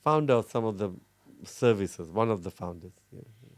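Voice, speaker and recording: A middle-aged man from Fiji, a cardiologist, talking earnestly in an interview with many pauses and restarts. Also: lowish voice, lively intonation, no echo. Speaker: cardiologist guest. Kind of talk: casual interview talk.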